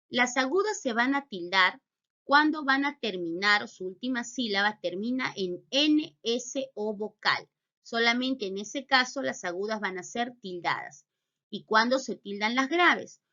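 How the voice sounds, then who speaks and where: A woman teacher giving a recorded spelling lesson, reading out rules and example words slowly and clearly. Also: a little high, fairly bright tone. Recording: dull, lo-fi recording.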